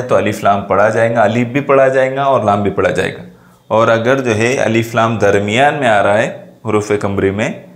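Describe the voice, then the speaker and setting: A man teaching a grammar lesson, who asks his students questions, answers them himself and repeats the key points. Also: fairly low pitch. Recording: echoey room.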